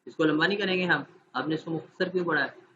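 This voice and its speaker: A man's voice: on the high side, steady tone, pushed and bright, lo-fi sound, a little hiss or hum. A man training teachers in an online class, explaining steps patiently and often checking that his listeners follow.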